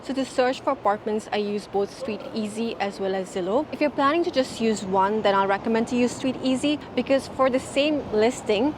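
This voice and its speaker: A woman's voice: a little high, fairly quick, few pauses, music in the background. A woman, earnestly explaining tips step by step in a casual advice vlog. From Nepal. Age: 30s. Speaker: vlogger.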